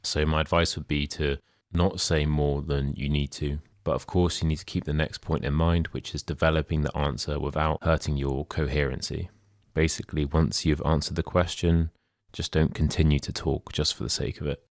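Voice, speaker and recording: Young male tutor, modern British accent, very low voice, close dry sound, measured lesson delivery. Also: little pitch movement, dry recording. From United Kingdom. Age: young adult. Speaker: English speaking tutor. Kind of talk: explanatory language lesson with sample exam answers.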